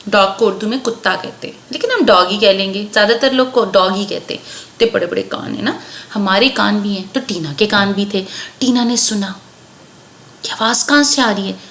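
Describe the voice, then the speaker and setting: A woman telling a story to children at a slow, animated pace, with drawn-out sound words. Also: medium pitch. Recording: echoey room, faint background noise.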